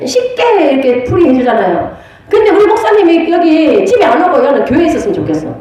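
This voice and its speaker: A pastor's wife teaches a church prophecy class with a fairly high, lively voice. She tells stories in an animated way and laughs often. Her voice rings through a very echoey church hall. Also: fast, crowd noise. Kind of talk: church lecture with storytelling. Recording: very echoey room.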